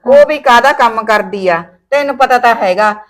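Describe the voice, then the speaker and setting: A woman plays a caring older village mother with a Punjabi accent, visiting her married daughter. Her voice sits a little high, and she talks in a homely, advising way, full of sayings. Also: normal speed, close to an everyday voice. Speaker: actor. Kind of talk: village short-film acting.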